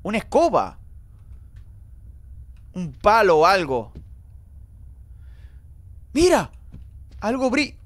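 Excitable man streaming a horror game. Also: high voice, takes it slowly, long pauses. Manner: excitable, jumpy, talks to chat. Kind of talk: live gameplay commentary.

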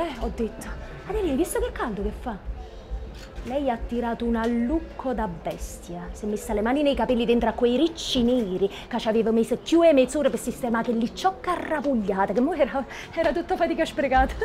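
A woman's voice: on the high side, lightly acted. A woman playing a chatty mother. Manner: lively, earthy, dialect-laced storytelling. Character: chatty southern mother of a weeping bride. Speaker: auditioning actress. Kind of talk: theatrical storytelling monologue.

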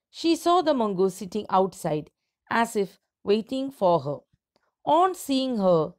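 A woman teacher reading a story aloud to her students and explaining the meaning of its words. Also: mid-range voice. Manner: slow, deliberate, clear reading with pauses between phrases.

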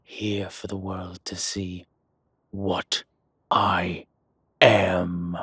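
Deep and very husky but with a fairly bright tone, a man's dragon crime lord speaks slowly and deliberately in an intimate roleplay, breathy, commanding, teasing and protective. His pitch barely moves, the character voice is complete, and the mood is tender and proud. The studio-quality recording has no room sound.

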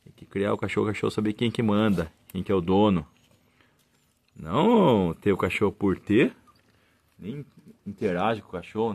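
A man's voice: on the low side, darkish tone. A man with a Brazilian accent, a dog breeder who barks commands at his dogs and lectures viewers bluntly in a casual vlog. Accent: Brazilian Portuguese.

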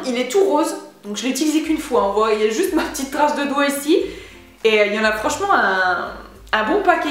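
A young woman with a high voice talks her way through a beauty haul, chatty and full of slang. The recording is very echoey, with faint music underneath. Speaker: beauty vlogger. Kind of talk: casual beauty haul vlog.

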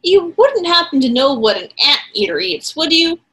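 A woman's voice: high-pitched, very animated, normal speed, fairly bright tone, pitched above the performer's own voice. A woman voicing a polite, hungry young anteater who apologizes and asks questions, read aloud from a picture book.

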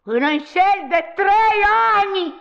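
A woman's voice: sits high, animated, highs cut off, a little hiss or hum. An actress playing a cool, sarcastic unfaithful woman in a radio play, cutting in with curt, mocking retorts. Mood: defiant. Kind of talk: radio theatre acting.

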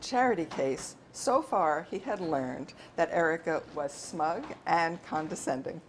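A low-voiced woman reads from the novel she wrote, steady and deliberate. The setting is a bookstore event, where a gentle hum of the room lingers.

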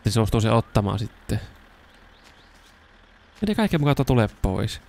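A young man with a fairly low voice talks through a video game in casual let's-play style. He chats to himself as he plays and breaks into excited shouting when something works, recorded close on a desk microphone. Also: creaky. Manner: chatty, talks to himself while playing, bursts into excited shouts. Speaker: gaming YouTuber.

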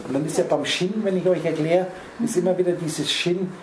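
A man's voice: a little high, steady tone, fairly quick, reverberant, background noise. A man giving a spiritual lecture, rambling and speaking straight to his listeners with lots of wordplay. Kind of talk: spiritual lecture to a small audience. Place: lecture room.

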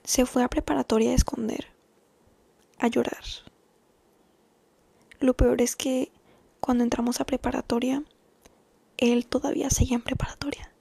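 A young woman with a Mexican accent spins a casual story, often dropping to a soft half-whisper. Her voice sits high but has a mellow, fry-edged grain. It is recorded close and dry, with no room sound. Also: flat delivery, moderate pace, long pauses, dry recording. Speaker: vlogger.

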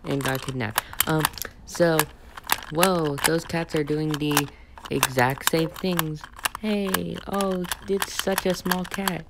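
A woman hosting a reaction video with casual, halting commentary full of short exclamations, on a home recording. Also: deep voice, gravelly. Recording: noisy home recording with clicks.

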